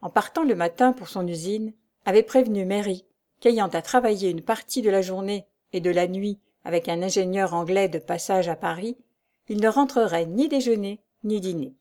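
Audiobook narrator, woman, calm and even, warm mellow tone. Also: medium pitch, moderate pace. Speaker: audiobook reader. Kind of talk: scripted narration of a classic novel.

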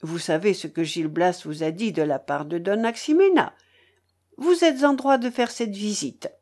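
A woman's voice: medium pitch, moderate pace, a little mellow, lightly acted. A woman reading the part of a gallant, admiring young nobleman in a storybook, with earnest, courtly speech. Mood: friendly.

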